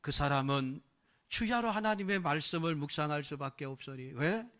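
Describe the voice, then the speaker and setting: Fairly high-voiced man preaching a sermon. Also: moderate pace, a bit bright. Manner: preaching with repeated rhetorical questions; emphatic, rising in force on key phrases. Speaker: pastor.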